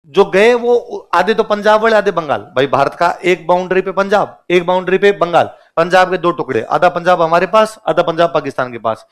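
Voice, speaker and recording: A male history teacher giving a casual classroom lecture, telling the story in plain everyday speech and asking the class a quick question after almost every point, then answering it himself. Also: sits high.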